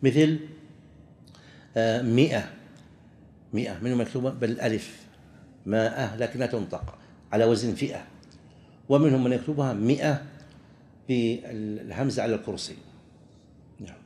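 A man teaches from a legal text, stopping and restarting his phrases as he thinks. His voice sits at an ordinary pitch. A faint hum of noise runs underneath. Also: mellow. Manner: halting, with frequent restarts and pauses. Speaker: religious teacher. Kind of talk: explaining a legal text to students.

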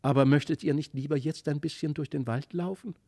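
Guy reading as a soft coaxing fairy kid in a storybook, slightly high, gravelly, dry sound. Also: fairly even intonation, a little fast, no echo. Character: mysterious fairy child, gentle and playful.

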